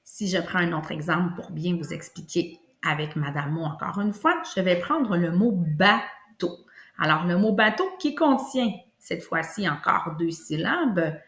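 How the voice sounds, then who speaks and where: A woman with a Québécois French accent, teaching a kindergarten lesson and slowly stretching out sounds for young children. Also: fairly low pitch, lively intonation, fairly bright tone. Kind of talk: classroom lesson video. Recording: echoey room.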